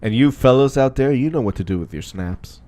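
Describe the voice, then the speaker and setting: A young woman on a casual podcast with friends, joking in a deadpan way. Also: rumbling low, fairly quick. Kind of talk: casual group chat.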